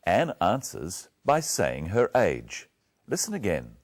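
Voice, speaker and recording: A male English teacher giving a patient lesson, speaking clearly and drilling words one at a time. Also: low voice, huge pitch swings, takes it slowly. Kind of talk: slow, clear lesson narration.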